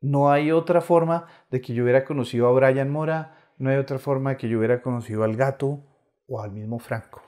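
A middle-aged man with a Colombian Spanish accent chats casually as a comedian guest on a podcast, laughing often and stammering through frequent restarts. His medium-pitched voice is mellow and steady in tone, and he talks briskly.

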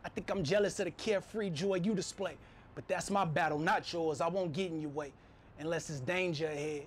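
A man's voice: on the high side, a little fast, a little hiss or hum. Man reciting heartfelt spoken word poetry. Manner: steady, heartfelt, reflective delivery. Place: city rooftop, outdoors. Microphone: stand mic.

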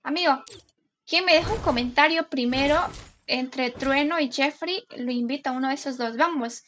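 Una mujer joven que transmite en directo un juego, charlando de forma juguetona y leyendo en voz alta los nombres de su chat. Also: female voice, sits high, normal speed, a bit bright, a little hiss or hum. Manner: chatty, playful, greets viewers and reads chat names aloud. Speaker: gaming live streamer. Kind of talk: casual live stream chat.

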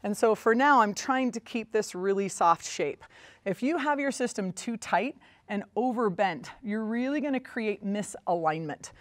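A woman riding instructor teaching a lesson while lunging a horse, talking calmly and stopping often to praise the horse. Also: medium pitch, moderate pace, dry recording.

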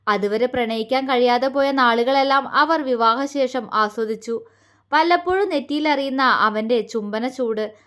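A woman storyteller reading a romantic serial story aloud in a calm, steady voice. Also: high-pitched. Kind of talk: scripted story narration.

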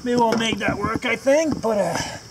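A man with a very high-pitched voice hosts a casual video while working on a vehicle at home, speaking at normal speed. He rambles with plenty of filler words and dry, self-mocking humor. Crickets and insects chirp loudly in the background.

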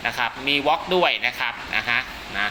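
This man, a radio seller and channel host, speaks at medium pitch and normal speed as he casually demonstrates products, rambling and repeating with frequent polite tags. He is at home during heavy rain, which comes through loudly behind his voice.

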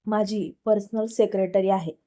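A woman reading the lines of a calm, reassuring young man recovering in a hospital, in a storybook tale. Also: mid-range voice, moderate pace, natural voice.

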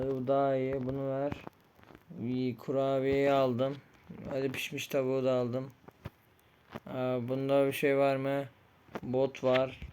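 Young male gamer, mid-pitched, exasperated running commentary, light click noise behind. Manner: frustrated, pleading, swings from muttering to yelling. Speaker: gaming streamer. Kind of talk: Minecraft-style game commentary.

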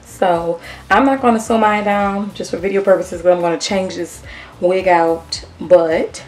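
A chatty woman talks viewers through a wig tutorial in a relaxed, casual way. She sits a little back from the mic, with faint music underneath. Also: on the low side, a little slow, recorded from a distance. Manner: chatty, addresses viewers as y'all; talks with peppermint in her mouth. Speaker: beauty vlogger.

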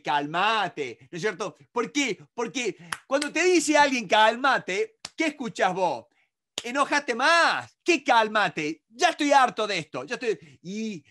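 Male negotiation instructor with a Rioplatense accent, raised pitch, direct and emphatic lecture delivery. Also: a bit bright. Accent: Rioplatense Spanish. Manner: emphatic and repetitive, addresses the audience directly; acts out others in quoted asides. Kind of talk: recorded masterclass lecture.

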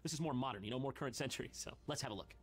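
A man's voice: medium pitch, rapid-fire. A man in his thirties giving sarcastic comedic commentary on video clips, with mocking asides. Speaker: host reacting to video clips. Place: studio room with couch and brick wall.

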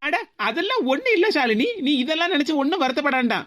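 A woman with a Tirunelveli Tamil accent voicing a calm, weary elder sister-in-law in a cartoon, with a deep, muffled voice. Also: quick pace. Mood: soothing.

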